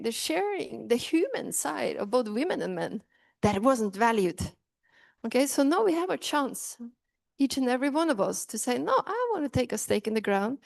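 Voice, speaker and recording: In a dry recording, a middle-aged Norwegian woman with a high-pitched, creaky voice and Norwegian accent addresses an audience on inclusion. She's earnest and keeps restarting sentences.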